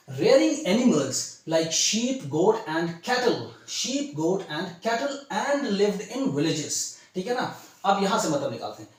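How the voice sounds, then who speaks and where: Echoey lively-voiced male teacher. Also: sits high. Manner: repetitive, drawn-out reading of English lines; frequent tag "ठीक है ना". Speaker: English teacher. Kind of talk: bilingual classroom explanation.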